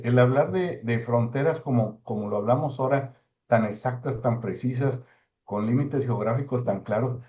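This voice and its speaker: Phone-like, halting man. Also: mid-range voice. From Mexico. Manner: halting, repeats words for emphasis. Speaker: speaker giving a talk on postal history. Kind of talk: informal lecture discussion. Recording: thin phone-like online call audio.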